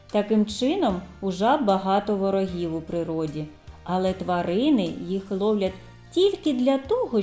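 A woman teacher giving a literacy lesson to small children, speaking slowly and articulating each sound with care. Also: medium pitch, warm tone. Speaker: preschool teacher.

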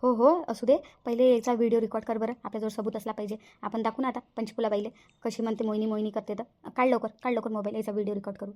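A woman with a fairly high, dark-toned voice speaks in a flat, rapid-fire way that sounds close to everyday speech. In cartoon dialogue, she voices a bossy, nosy village woman who plays detective, sounding urgent and commanding, with a Varhadi Marathi accent.

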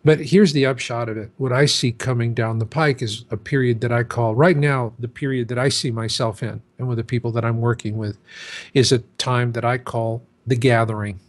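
A man's voice: mid-range voice, steady tone, moderate pace. A man in his sixties, a guest in an interview, talking in an emphatic, casual way. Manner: emphatic, acts out chanting crowds in quotes.

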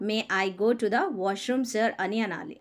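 A woman with a Telugu accent teaching spoken English. She gives a phrase in Telugu, then says the English slowly and repeats it. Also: mid-range voice, faint music behind.

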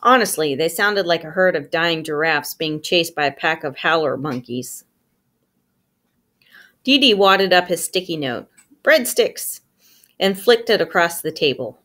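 A woman reading a novel aloud with steady storytelling, giving the characters their own voices. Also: fairly low pitch. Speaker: audiobook reader.

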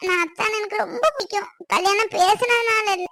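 Sulky teary bride-to-be, played by a woman, fast and high, family skit. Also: steady tone, a crowd in the background. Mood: hurt. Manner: tearful, pleading. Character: young bride-to-be, hurt and sulky.

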